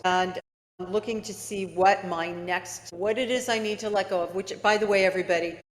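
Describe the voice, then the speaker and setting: A woman's voice: medium pitch, long reverb tail. A woman who is a guest author on a podcast, talking in an earnest coaching way and often addressing listeners directly. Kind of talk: casual interview talk.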